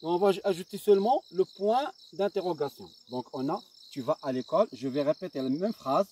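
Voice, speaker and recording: Un homme enseignant donne une leçon de grammaire avec un marocain, lentement, en répétant et en marquant des hésitations. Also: male voice, on the high side, lively intonation, dark tone. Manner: slow, deliberate, dictating and repeating, with fillers. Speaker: primary school teacher. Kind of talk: grammar lesson. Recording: distant mic with faint insect noise.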